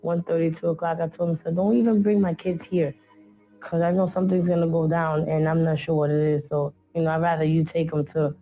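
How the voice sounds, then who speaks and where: A woman recalling her late husband in a documentary interview, speaking softly and reflectively with frequent "you know what I'm saying". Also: low-pitched, level tone, a little fast, faint music behind, rough recording. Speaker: interviewee, late rapper's wife.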